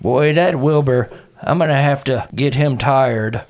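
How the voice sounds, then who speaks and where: A woman playing a sweet, bawdy old retirement home lady in a tabletop game, unhurried and matter-of-fact, on a noisy recording. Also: very deep voice, pitched below the performer's own voice.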